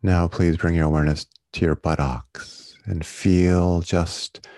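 A man leading a guided meditation in a soothing, gentle, unhurried manner, like a yoga teacher. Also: low-pitched, little pitch movement, no room sound, clean studio sound. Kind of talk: guided body-scan meditation.

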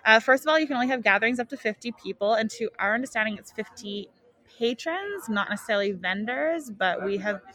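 A woman hosts a casual live podcast at a wedding show, speaking informally through a face mask and often breaking off mid-thought. Her voice is a little high, animated, fast, pushed and bright. She's also a wedding planner.

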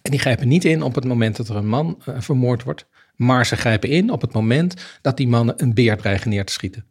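Husky-voiced man discussing a book. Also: mid-range voice, expressive, fairly quick, a little mellow. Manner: thoughtful, retells plot at length.

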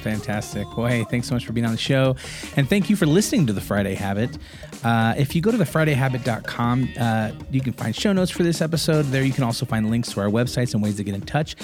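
A man's voice: medium pitch, lively intonation, quick pace, music in the background. Upbeat male podcast host. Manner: upbeat, friendly wrap-up questions. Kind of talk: podcast hosting.

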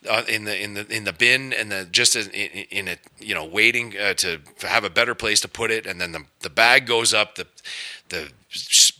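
A man's voice: fairly low pitch, normal speed. A man, a comedian guest, telling a story in casual chat, rambling with many restarts. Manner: rambling, restarts, animated retelling.

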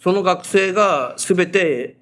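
A man's voice: high voice, slow pace. A man hosting an on-location interview in a casual, chatty way, telling stories and nodding along to his guest. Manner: chatty, animated storyteller, frequent nods. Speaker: host.

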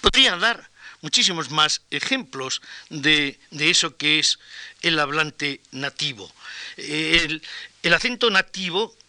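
An older man from Spain with a Castilian accent, giving an academic lecture in a measured, anecdotal way with pauses and restarts. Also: on the high side, animated, bright, forceful tone. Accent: Castilian Spanish.

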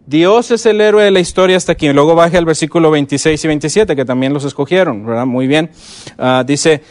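A middle-aged man giving a conference lecture on teaching Bible stories, often checking in with his audience and slowing down to stress key words. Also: a little high. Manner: lively, asks the audience frequent check-in questions.

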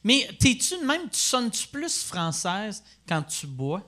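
Un homme à l'accent québécois qui pose beaucoup de questions sur un ton curieux et blagueur, dans une conversation de balado décontractée. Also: male voice, high voice, sing-song, unhurried, bright, forceful tone. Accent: Quebec French. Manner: curious, asks many questions, joking. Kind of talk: casual podcast conversation.

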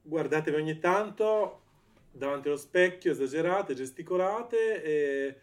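A man's voice: on the high side, lively intonation, unhurried. A man hosting a podcast in a casual, chatty interview style, often doubling up words as he talks. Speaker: podcast host.

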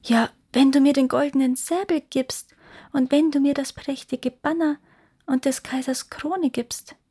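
A woman voicing a gentle little nightingale. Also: high voice, steady tone, a little slow, pitched above the performer's own voice. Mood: bargaining. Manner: soft, tender, consoling. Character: gentle female nightingale, kind and wise.

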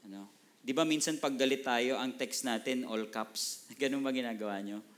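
Conversational Filipino pastor preaching a sermon. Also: male voice, mid-range voice, normal speed. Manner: conversational, peppers lines with "no?" and English phrases. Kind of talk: Bible teaching sermon.

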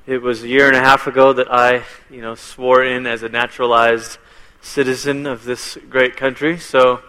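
A man's voice: mid-range voice, level tone, normal speed, bright, forceful tone, clear, resonant tone. Chatty man teaching in a reverberant hall. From Malaysia. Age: 30s. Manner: chatty, joking with the audience. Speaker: guest speaker. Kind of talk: church teaching talk.

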